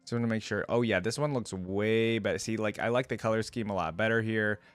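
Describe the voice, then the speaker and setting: In a casual reaction video, a man offers rambling, opinionated commentary, partly reading aloud. His voice is lowish and quick, with a clean tone on a dry recording.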